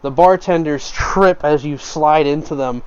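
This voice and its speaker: A man's voice: a little high, a little slow, clean tone, highs cut off. A man narrating a tabletop game as game master, describing scenes at length with frequent fillers.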